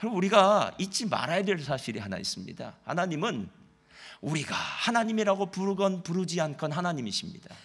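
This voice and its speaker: A man preaching a sermon in church with a high, bright voice that climbs and falls with great animation. He speaks straight to the congregation, throws rhetorical questions at them, and voices the old laments he quotes with feeling. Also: very animated, fairly quick, slightly rough. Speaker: pastor.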